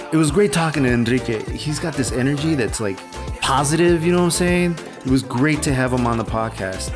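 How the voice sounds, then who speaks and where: A man in his forties hosting a podcast, laid-back and slangy, affirming his guest. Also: medium pitch. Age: 40s. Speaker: podcast host. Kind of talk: casual podcast chat.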